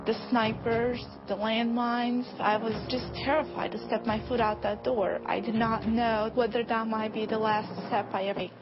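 A middle-aged woman from Bosnia, giving an earnest personal testimony. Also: mid-range voice. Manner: earnest, heartfelt storytelling. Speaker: testimony speaker. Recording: muffled video clip with music behind.

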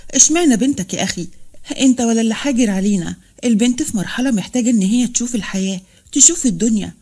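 A woman's voice: a little high, mellow. A woman voicing a fierce, worried middle-aged mother, emotional and defiant.

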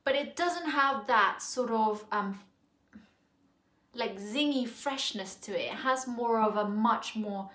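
Seated indoors on her living-room sofa, a woman from Thailand in her forties talks through a perfume at a slow pace, her voice fairly high and sharp in tone. It's a casual, reflective review full of fillers and restarts, captured close up by a camera facing her in a room with echo.

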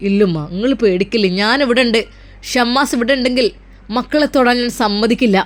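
A woman's voice: a little high, fairly quick, lightly acted. A woman voicing a protective young husband and son who speaks firmly and reassuringly. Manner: firm, commanding, reassuring.

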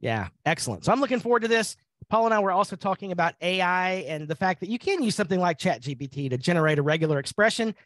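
High-voiced upbeat man hosting a webinar. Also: very animated, quick pace, fairly bright tone, no echo. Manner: upbeat, conversational, many fillers. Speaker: host of a live training webinar.

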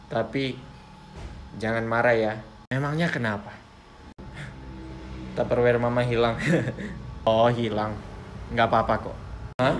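A man's voice: mid-range voice, a bit bright, slight background noise. A young man, acting out short comic sketches and voicing every character himself. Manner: switches between casual slang voices for each character. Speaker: comedy sketch creator.

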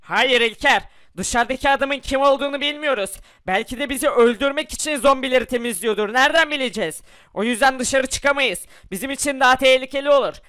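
A man's voice: extremely high pitch, fast talker, bright, forceful tone, clean tone, dry recording. A man voicing an anxious young survivor trapped in a house by zombies, who keeps scolding his friend. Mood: worried. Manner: anxious, scolding, repeats the other's name.

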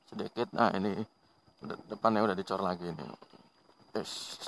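With a lowish voice and vocal fry, an Indonesian man vlogs from his motorbike on rural roads, chatting casually and laughing now and then. He keeps things relaxed and talks to his viewers as though they were friends.

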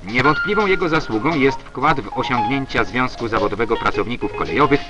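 A man's voice from an old newsreel, delivered in a formal, declamatory announcer manner with a lively, rising and falling pitch. The sound is dull and lo-fi like archival film audio, with clear music playing underneath. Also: fairly quick. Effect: old 1970s newsreel narration. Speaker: newsreel narrator. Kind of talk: scripted documentary narration.

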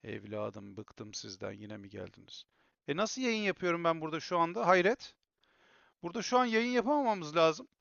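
A man chatting on a home live stream, grumbling to his viewers, then bursting into loud excited shouting. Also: a little high, normal speed, vocal fry, dry recording, dull audio. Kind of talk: casual live-stream chat. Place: home room.

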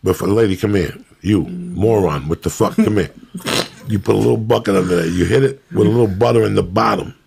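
A middle-aged man talking on a podcast in a deeply gravelly, husky voice. He tells loud, profane stories with lots of swearing and big swings in how he says things. It sounds like casual chat with friends. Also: fairly quick. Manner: profane, animated storytelling. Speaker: podcast host.

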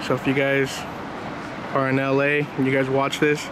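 Casual man vlogging over clear street noise. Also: medium pitch, monotone, moderate pace. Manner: informal, inquisitive, remarking on surroundings. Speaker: citizen video reporter, vlogger. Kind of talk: casual run-and-gun vlog narration. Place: outdoors on city street and in public lobby. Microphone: handheld camera, held by speaker. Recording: noisy handheld outdoor recording, street traffic.

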